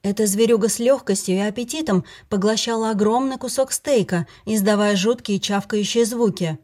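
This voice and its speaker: A woman's voice: mid-range voice, normal speed, darkish tone. A woman reading a first-person fantasy story aloud, giving the characters' lines with little change of voice. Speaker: audiobook narrator.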